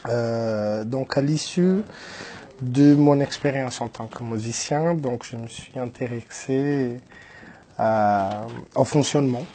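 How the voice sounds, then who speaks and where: This guest, a Brazilian entrepreneur in his 30s and a native Portuguese speaker, speaks French slowly in a dark, mid-range voice. He shares his life story on radio, halting often with fillers and false starts.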